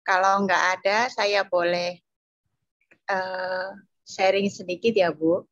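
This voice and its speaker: Woman sharing a halting testimony. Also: mid-range voice, little pitch movement, a bit bright, no echo. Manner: plain, hesitant storytelling with many fillers. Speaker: church member giving testimony. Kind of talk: personal testimony. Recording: dull, dry, lo-fi sound.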